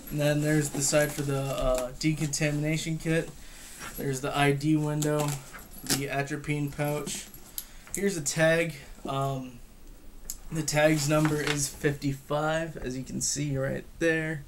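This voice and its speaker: A young adult man reviews gear casually and without a script in a room at home, caught by a camera across the table. He sounds hesitant and matter-of-fact, his voice on the high side, level and slow. The home recording is clearly noisy, with clicks.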